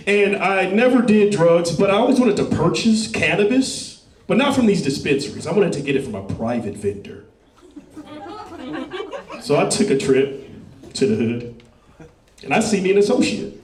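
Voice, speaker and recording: High-voiced, animated man doing self-mocking stand-up, caught off-mic in an echoey room. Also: normal speed, distant mic. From Los Angeles, US. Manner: playful, self-mocking storytelling. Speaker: stand-up comedian. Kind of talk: stand-up routine.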